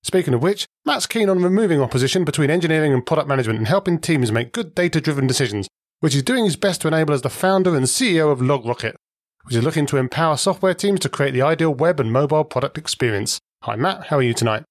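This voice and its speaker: A man's voice: fairly high pitch, animated, fast, no echo, clean studio sound. A man hosting a podcast, reading a playful scripted intro and then asking questions in a joking way. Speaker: podcast host.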